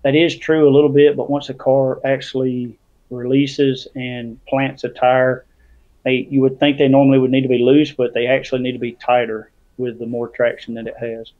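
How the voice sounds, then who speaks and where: A man's voice: medium pitch, little pitch movement. Out-of-breath man on a tinny line. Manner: halting, many fillers. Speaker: guest drag racer and tuner. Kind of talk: casual panel talk.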